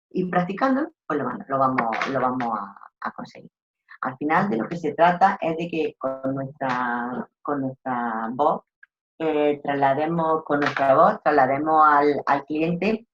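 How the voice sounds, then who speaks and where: A woman with an Andalusian accent, a talkative trainer giving a lively lecture on customer service and repeating her points. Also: low-pitched, muffled recording. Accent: Andalusian Spanish. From Andalusia, Spain. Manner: talkative, animated teacher, repeats herself. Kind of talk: online lecture.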